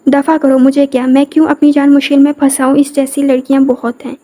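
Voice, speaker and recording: A woman's voice: high voice, flat delivery, dark tone, natural voice. A woman reading as a nervous young man. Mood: worried.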